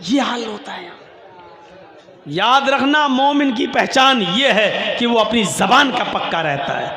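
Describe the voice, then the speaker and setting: A man preaching a sermon, listing duties in a steady rhythm and slowing down to chant verses in Arabic at a religious gathering. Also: extremely high pitch, a crowd in the background. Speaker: Islamic preacher. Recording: echoey, roomy hall sound.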